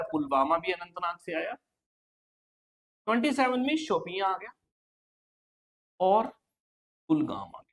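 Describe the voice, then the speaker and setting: A man's voice: sits high, a bit bright. A male coaching teacher giving an exam-prep lecture, quizzing his students and repeating every answer. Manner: repetitive quizzing, keeps saying "okay" and "friend".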